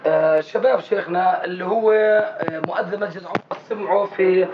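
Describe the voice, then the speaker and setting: A man's voice: sits high, brisk. A man, a deferential student eagerly relaying news to his sheikh, on a dull lo-fi tape. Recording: dull lo-fi tape with faint hiss.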